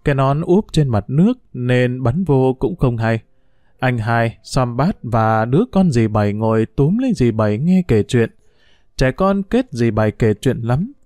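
Man, storybook narration, measured reading, dry close sound, mid pitch. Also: lively intonation, darkish tone, no echo.

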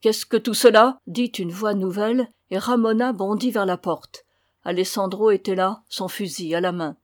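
A woman narrating a novel in a steady, even voice of middling pitch. The recording is dry and close-miked, with no room sound. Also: moderate pace, dry recording. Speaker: audiobook reader. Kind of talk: scripted narration.

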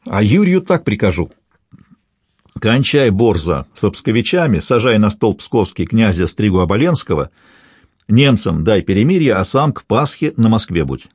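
A man voicing a calm, authoritative grand prince speaking in measured words in a historical audiobook. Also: lowish voice, husky, no echo, clean studio sound.

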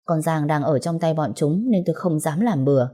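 A woman with speech, narrating a first-person audiobook in a steady, even storytelling manner. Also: low voice, brisk.

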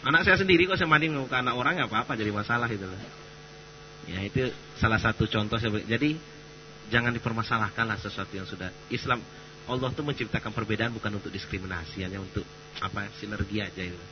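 A male preacher gives a chatty, animated talk that often turns to jokes. His voice sits at an ordinary pitch. The recording sounds dull and carries a clear mains hum. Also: quick pace. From Sumatra. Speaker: Islamic preacher. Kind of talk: casual lecture.

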